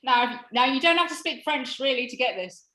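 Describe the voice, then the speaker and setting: A woman's voice: high-pitched, lively intonation, fairly quick, sharp tone. A woman co-hosting a casual chat show over a video call, talking effusively. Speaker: co-host. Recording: echoey room on video call.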